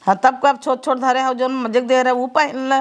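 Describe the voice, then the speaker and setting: A woman's voice: sits high, level tone, normal speed, no room sound, close to an everyday voice. A woman with an Awadhi accent playing a rustic mother who teases and scolds her married daughter in a comedy sketch. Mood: teasing. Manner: scolding, sarcastic. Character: rustic mother, sharp-tongued and teasing.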